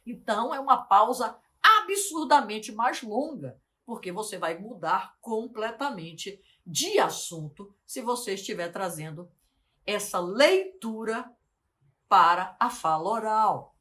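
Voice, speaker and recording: Woman, speaking coach, animated pitch, slow careful articulation, rhetorical questions. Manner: deliberate, slowed, carefully articulated delivery. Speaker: life mentor and speaking coach. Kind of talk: teaching monologue to camera.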